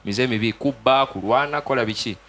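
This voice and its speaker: This is a young Ugandan man at medium pitch, speaking over a noisy background. He's a gospel musician giving his testimony on a handheld mic in a TV studio interview, his accent Ugandan. Earnest and rapid, he keeps switching between English and Luganda.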